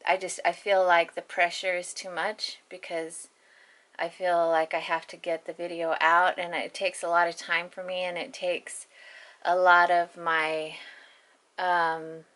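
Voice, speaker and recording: A woman's voice: lowish voice, flat delivery, unhurried, fairly bright tone. A woman vlogger chatting casually in a folksy, self-deprecating way in a home kitchen, speaking from behind a handheld camera. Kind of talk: casual chat.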